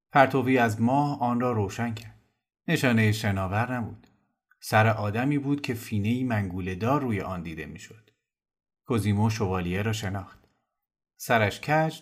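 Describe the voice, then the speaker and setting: A man narrating a novel in a calm, measured storytelling voice. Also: fairly low pitch.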